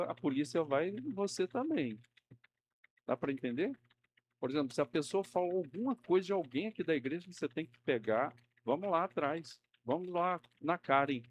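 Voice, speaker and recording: A man's slightly high voice, with a touch of hiss or hum, leads a Sunday school class in a church classroom. Chatty throughout, he leans on tag questions such as "né?" and performs quoted figures from his stories in a raised voice.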